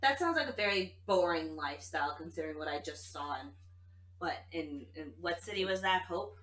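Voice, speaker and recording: Blunt, lively woman playing a tabletop game. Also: low voice, brisk, recorded from a distance. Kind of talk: casual improvised role-play chat. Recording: echoey room.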